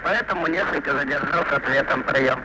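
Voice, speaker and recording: A man reporting calmly and formally in clipped radio procedure, his voice coming through a crackling, breaking-up radio link from a spacecraft. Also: medium pitch, fairly quick. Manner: clipped, calm, formal call-and-answer. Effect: crackling, breaking-up radio transmission from a spacecraft. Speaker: spacecraft pilot reporting to ground control. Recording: hissy echoey archival radio link.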